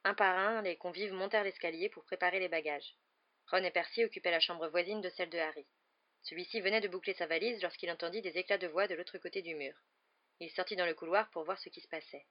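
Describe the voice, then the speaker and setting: A woman narrating a novel as an audiobook in a steady storytelling voice. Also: fairly low pitch, fast. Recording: slightly dull lo-fi recording.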